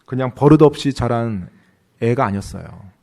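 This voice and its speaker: A man interpreting a sermon phrase by phrase, with lively, rising questions to the congregation. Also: medium pitch, moderate pace, creaky.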